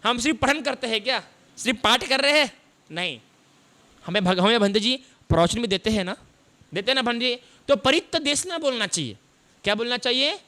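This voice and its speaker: With a very high-pitched, bright and forceful voice, a man preaches as a Buddhist monk, posing questions to his listeners and answering them himself. He explains the meanings of words step by step.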